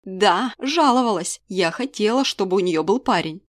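A woman reading an audiobook, voicing a furious middle-aged friend and mother who shouts crude accusations down the phone. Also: medium pitch, expressive, moderate pace, no echo, clean studio sound, lightly acted. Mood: furious shouting.

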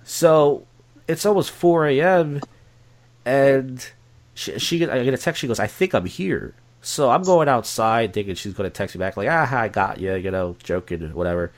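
A man's voice: mid-range voice, animated, normal speed. A young man telling a story casually, acting out the quoted voices with animation. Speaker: guest.

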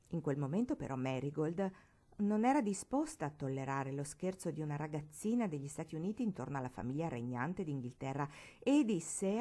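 A woman reading a classic novel aloud as narrator, in an expressive, dramatic manner. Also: sits low. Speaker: storybook reader.

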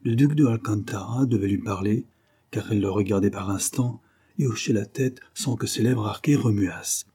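A man reading a novel aloud as audiobook narrator, with steady storytelling. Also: lowish voice, moderate pace, slightly rough. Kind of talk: scripted narration of a French adventure novel.

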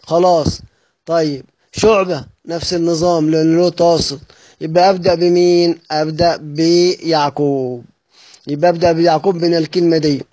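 A man with an Egyptian Arabic accent teaching the rules of Quran recitation, posing questions and answering them himself, and chanting verses slowly. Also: a little high, steady tone, a little mellow, no room sound. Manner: asks and answers his own questions.

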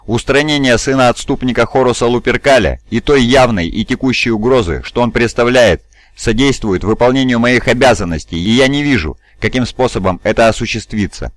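A huge, stern bodyguard warrior speaks bluntly and firmly, voiced by a male reader. His voice sits at a middle pitch. The recording is dry and close. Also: brisk, dry recording, lightly acted.

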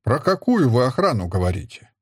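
A jovial soldier uncle with a husky, hearty voice that bounces through a wide range of pitch, as a male narrator puts him on. He teases and jokes in a dry, close storybook reading. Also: very animated, brisk, no echo. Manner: hearty, teasing.

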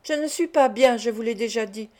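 A woman's voice: a little high, brisk, darkish tone, close to an everyday voice. A woman reading the part of a desperate young woman who pleads insistently to be let go, for an audiobook. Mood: pleading.

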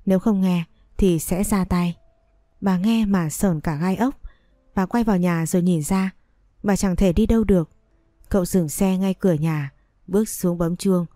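A woman reads a romance story aloud in a slow, steady manner. Her voice is low and warm, recorded dry with no room sound. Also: dry recording. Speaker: narrator. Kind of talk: audiobook story narration.

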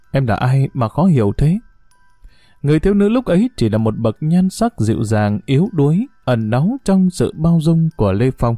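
A man reads a novel aloud with an expressive, dramatic delivery. His voice is very dark and his pitch moves widely. The recording is dry with soft music underneath. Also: no echo. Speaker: narrator. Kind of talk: audiobook novel reading.

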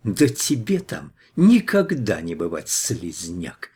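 A man's voice: low-pitched, huge pitch swings, slow, darkish tone, husky, full character voice. A man reading an audiobook voices a furious, spiteful young woman captive who hurls insults. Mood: sneering. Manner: shrieking, venomous insults.

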